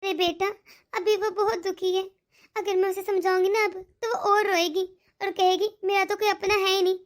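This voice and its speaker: A woman voicing a worried aging mother in a cartoon, gentle and coaxing. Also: extremely high pitch, flat delivery, normal speed. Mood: soothing. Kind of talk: cartoon dialogue.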